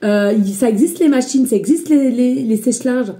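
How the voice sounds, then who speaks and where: A woman with a slight accent gives a casual spiritual reading to her followers, her voice raised and somewhat high. She sounds warm and mellow, pausing often and calling her viewers friends. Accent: a slight accent she mentions. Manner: loud voice, by her own account; chatty, hesitant, addresses viewers as friends. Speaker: psychic medium giving a reading. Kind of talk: casual spiritual guidance vlog.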